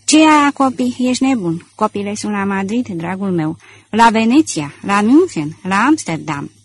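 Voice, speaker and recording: Un gentleman-hoț mândru și ironic, citit de o femeie, cu vocea ușor voalată și sigur pe sine. Vorbește calm, cu o eleganță lăudăroasă, ca într-o carte audio. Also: mid-range voice, breathy edge, dry recording. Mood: indignant. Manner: proud, ironic and self-assured. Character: elegant, boastful gentleman thief, man. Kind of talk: audiobook character reading.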